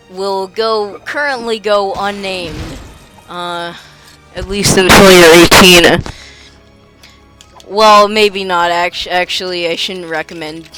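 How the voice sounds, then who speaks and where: Rambling young guy, bright voice. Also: high voice. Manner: rambling, stammering, self-mocking. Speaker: let's play host. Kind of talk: casual gameplay commentary.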